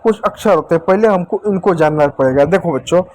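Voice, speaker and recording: A man's voice: fairly high pitch, quick pace, darkish tone. A man teaching a beginner language lesson to children, repeating his points and stretching out letter sounds. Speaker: English teacher. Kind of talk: classroom-style lesson.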